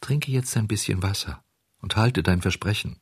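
A man voicing a patient, motherly fairy woman in a storybook reading, gentle and coaxing, sometimes admonishing. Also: lowish voice, moderate pace, breathy edge, no room sound, clean studio sound.

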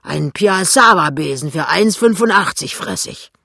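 An audiobook reader voicing a gruff, fat male shopkeeper who talks loudly and grumbles. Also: mid-range voice, lively intonation, moderate pace, no room sound, exaggerated voice. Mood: grumbling, blustering. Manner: loud, blustering. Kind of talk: audiobook reading.

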